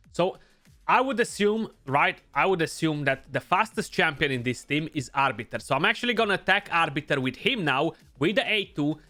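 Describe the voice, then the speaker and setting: Speaking in a slightly high, bright and forceful voice, this young gaming YouTuber with a Romanian accent comments casually on his gameplay. He thinks out loud and keeps adding "you know."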